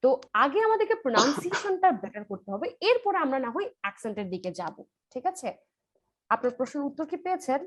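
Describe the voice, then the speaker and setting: A woman's voice: high-pitched, very animated, fast talker. A woman with a Bangladeshi accent, a spoken English instructor explaining things in class, often mixing English phrases into her talk. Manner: explanatory, switches often between two languages.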